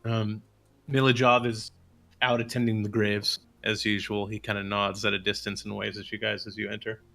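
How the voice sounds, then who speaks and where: A man narrating as game master of a tabletop game, relaxed, with many fillers. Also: on the low side, moderate pace, creaky.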